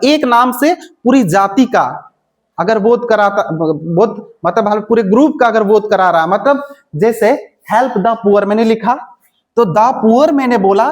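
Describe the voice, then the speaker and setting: A woman's voice: a little high, darkish tone. A woman teacher explaining grammar in a classroom style, constantly asking her students questions and repeating the answers.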